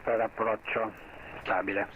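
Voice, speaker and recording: A man's voice: on the low side, little pitch movement, moderate pace. A man radioing as a pilot over a headset, hesitant and unsure of the terminology. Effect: pilot radio call heard over the headset. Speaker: pilot on a flight-sim network. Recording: dull radio line with faint noise.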